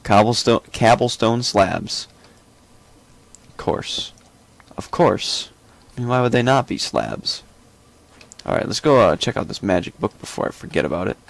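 A young man chats through his let's-play session in a low, gravelly voice. He rambles, fills pauses with ums and uhs, and drops small joking asides while he plays. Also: big pitch swings, dry recording. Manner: rambling, thinking aloud with many fillers. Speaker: gameplay commentator. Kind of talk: casual let's-play commentary.

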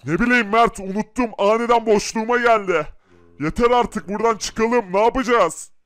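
Man, very high voice, desperate father, calls loudly, hushes low, game story. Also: normal speed. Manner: shouting, desperate, jumps to hushed whispers. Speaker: channel host playing a father searching for his family.

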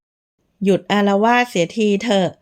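A tall young father in a storybook audio reading, as a woman reader puts him on, his voice deep and soft. He speaks slowly and firmly, soothing one moment and commanding the next. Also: natural voice. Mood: stern. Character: tall stern man, a doting young father.

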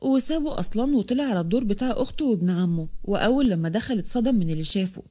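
A woman with an Egyptian accent narrating a romance story in brisk, continuous narration. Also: medium pitch, animated, mellow. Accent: Egyptian Arabic.

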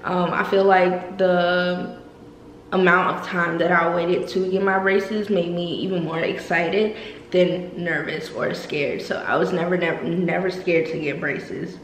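A woman's voice: on the low side, steady tone, unhurried, roomy sound, a little hiss or hum, low-quality recording. A nineteen-year-old woman vlogging a casual Q&A while speaking with braces, chatty, with frequent ums. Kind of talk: casual Q&A vlog.

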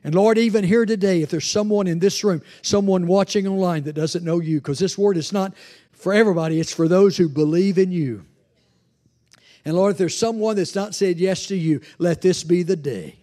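An older man preaching a sermon on a church stage with a handheld mic, animated and acting out the voices he quotes. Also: high voice, moderate pace. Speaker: guest preacher.

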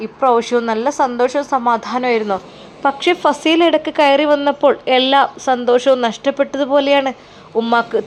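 A woman narrates a family tale in a plain, flowing storytelling voice. Her pitch sits a little high for a woman, and a faint hum of noise runs underneath. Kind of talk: scripted narration.

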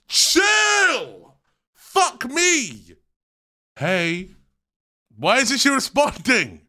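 A man in his twenties hosts a livestream from a small decorated room at home, his high voice swooping as he speaks extremely slowly. Excitable and slangy, he chats casually with viewers, reacting into a close desk microphone on a boom arm.

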